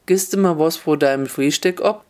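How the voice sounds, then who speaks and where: A man's voice: a little high, normal speed, lightly acted. A man voicing a weary old woman who gathers wood and begs for food, in folksy dialect. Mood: pleading. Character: tired old woodgathering woman.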